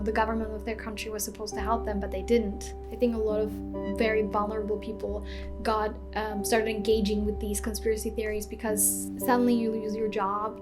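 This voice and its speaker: A young woman from Slovakia talks frankly in a casual video rant, full of fillers and restarts. Her voice sits at a middle pitch for a woman, and music plays clearly behind her. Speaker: vlogger.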